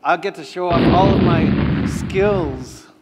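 A man's voice: high-pitched, slow pace. A middle-aged man joining a keynote on stage, dry and teasing in scripted banter. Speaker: sales engineer, demo guest. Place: large conference hall stage. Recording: long hall reverb, faint room noise.

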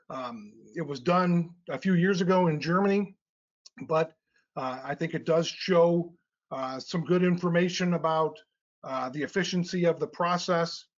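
A middle-aged man presenting technical slides in a webinar, explaining step by step with frequent uh and um fillers. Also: high-pitched. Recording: slightly dull lo-fi webinar audio.

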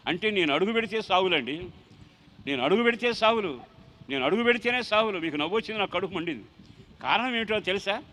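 A middle-aged man, a pastor preaching his testimony and swelling into loud emotional cries. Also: on the high side, rough recording. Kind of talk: testimony sermon.

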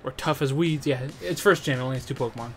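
A young man co-hosting a casual gameplay commentary, teasing his friend and swearing constantly. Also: mid-range voice. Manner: teasing, heavy swearing, quick banter. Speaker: let's play co-host. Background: game music.

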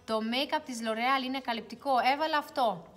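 Chatty young woman on a livestream. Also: sits high. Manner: chatty, reads viewer comments aloud, drops to quiet mutters while searching. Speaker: beauty livestream host. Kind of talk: casual livestream chat. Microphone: phone.

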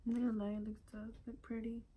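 A woman's voice: fairly high pitch, quick pace, dull audio. A woman narrating a makeup tutorial in a casual way, cursing freely and dropping into whispered asides. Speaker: beauty vlogger. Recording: steady background noise.

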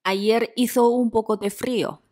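A woman reads short lesson prompts and grammar notes in a calm, unhurried way. Each phrase comes out clear and measured, like a scripted explanation. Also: a little high. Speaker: teacher giving translations.

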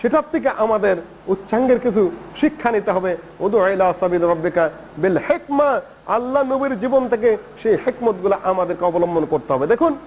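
High-voiced man preaching a sermon. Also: slight background noise, poor audio. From Bangladesh. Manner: animated storytelling, acting out quoted dialogue. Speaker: Islamic preacher.

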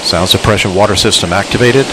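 Male launch commentator, lowish voice, measured formal announcing, clear background noise.

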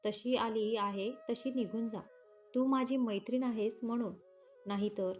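A woman voicing a haughty, jealous young female office employee who talks in sharp taunts. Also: a little high, fairly even intonation, unhurried, faint music behind, close to an everyday voice. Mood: taunting.

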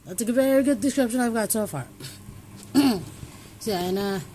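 A young Hong Kong woman vlogs casually from indoors at home, rambling and restarting sentences as she thinks aloud. Her voice is a little high and mellow at a normal speed, and the rough recording has some hiss or hum.

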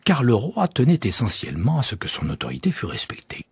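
Husky expressive male storyteller. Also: medium pitch, a little fast, no room sound. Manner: expressive, hushed, often near a whisper. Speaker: narrator. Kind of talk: audiobook narration.

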